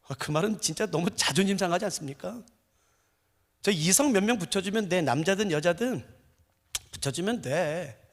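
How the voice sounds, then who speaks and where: A middle-aged man preaching a sermon as pastor, telling stories with animated swings from hushed to loud. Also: high voice. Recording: long reverb of a large church hall.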